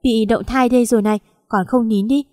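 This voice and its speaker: Kind young guy doctor, calm and soothing, read by a lady in her own higher voice, mellow. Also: a little fast, no echo, studio quality, lightly acted. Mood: gentle. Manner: calm, reassuring. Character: young male doctor, gentle and patient.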